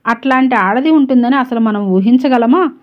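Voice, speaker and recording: A woman's voice: fairly high pitch, moderate pace, lightly acted. A woman voicing an earnest, outspoken young working woman with a forthright way of talking. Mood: indignant. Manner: indignant, outspoken. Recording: dull lo-fi recording.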